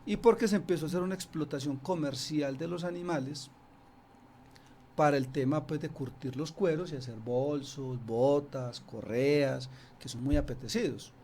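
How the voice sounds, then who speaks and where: Guy on a radio show, kinda high voice, rambles and restarts, faint hiss behind. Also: normal speed, darkish tone. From Antioquia, Colombia. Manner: conversational, many restarts and fillers. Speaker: snake expert guest. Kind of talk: radio interview, explaining. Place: radio studio.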